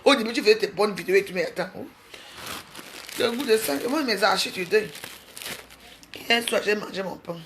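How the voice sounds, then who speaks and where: A woman's voice: medium pitch, background noise. A woman, ranting in a casual gossip vlog, mocking and insulting with frequent laughter. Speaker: vlogger. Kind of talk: casual gossip rant to camera.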